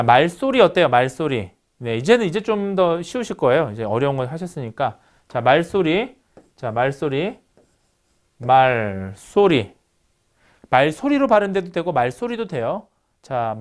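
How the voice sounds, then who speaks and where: Male lecturer, slightly high, lively delivery, asks the class questions and answers them. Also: a little fast. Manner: instructive, poses questions to students then answers them. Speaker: university lecturer. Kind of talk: online phonetics lecture.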